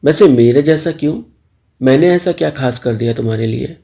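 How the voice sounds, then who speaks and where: A shy, easily flustered young man in a spoken storybook, as a man reads him. He protests and fusses in a deep, gravelly, mellow voice. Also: normal speed, natural voice. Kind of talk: storybook dialogue.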